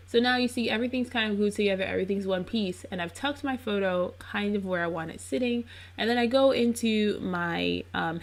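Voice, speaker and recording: Here a scrapbook crafter talks through her process video, her mid-range voice carrying vocal fry. Congested and clearly unwell, she keeps the voice-over chatty and laid-back, with plenty of ums along the way.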